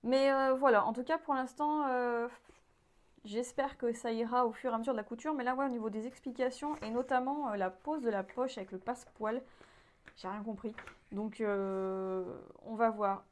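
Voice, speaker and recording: A woman with a slightly high voice hosts her sewing vlog. She talks casually and candidly, pausing often with little hesitations. She sounds frank and critical without being harsh. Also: fairly even intonation. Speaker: sewing channel host.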